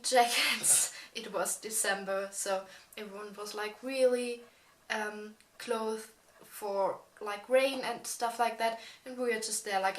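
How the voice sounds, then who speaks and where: A woman's voice: fairly high pitch, fairly bright tone. An eighteen-year-old woman tells a casual storytime in a chatty, gossipy way with emphatic asides. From Germany. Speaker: vlogger. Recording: roomy echo.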